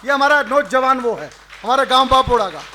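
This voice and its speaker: A man reciting patriotic verse live, chanting refrains and stretching lines slowly between crowd banter. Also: very high-pitched, lively intonation, pushed and bright, a little hiss or hum. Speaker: stage poet and emcee. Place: live event before an audience.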